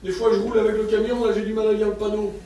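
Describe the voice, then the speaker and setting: A man's voice: sits high, flat delivery, very fast, warm tone. A man preaching a heartfelt testimony sermon at a church service, with a stammer and simple, fervent speech. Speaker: lay preacher. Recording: distant echoey church hall sound.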